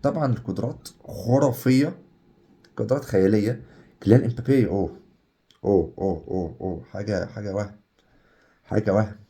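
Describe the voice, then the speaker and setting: A young Egyptian man talking casually over a game, excitable and chatty, swinging between hype and groans. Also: on the low side, fast talker, long pauses. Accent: Egyptian Arabic. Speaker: gaming YouTuber. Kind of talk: casual gameplay commentary.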